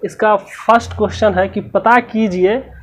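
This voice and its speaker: A woman's voice: medium pitch, fairly even intonation, a little slow. A woman teacher going through a textbook lesson's questions, explaining each answer step by step and repeating the key words.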